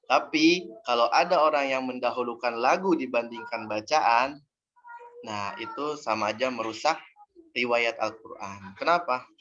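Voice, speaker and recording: In an online class, a man teaches Quran recitation, explaining patiently and drilling syllables out loud. His voice sits in the mid range and is slightly bright. The audio is dull, with faint noise.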